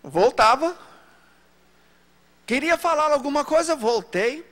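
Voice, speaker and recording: A man preacher telling a story from the pulpit in an animated sermon. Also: slow. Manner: storytelling, animated pitch swings. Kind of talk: sermon testimony. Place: church hall. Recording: long hall reverb.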